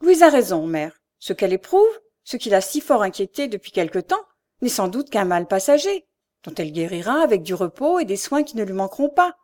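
A woman's voice: mid-range voice, sing-song, brisk, a little mellow, close to an everyday voice. A woman voicing a loving older sister who speaks in an urgent, pressing way.

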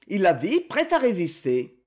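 Expressive audiobook narrator, lively pitch. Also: measured pace. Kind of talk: dramatic literary narration.

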